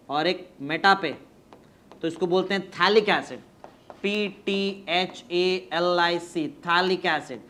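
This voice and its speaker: A man teaching chemistry in a classroom, dictating notes slowly and spelling words out letter by letter. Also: high-pitched, a bit bright. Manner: mixes Hindi and English, urging students to hurry.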